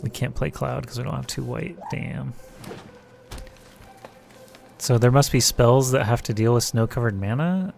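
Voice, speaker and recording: A man with a gravelly, fry-heavy voice talks through his turns on a live stream, thinking aloud and muttering card names as he plays. His pitch sits in an ordinary middle range, and faint music plays behind him. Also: a little slow, pauses often, a little mellow. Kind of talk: casual gameplay commentary.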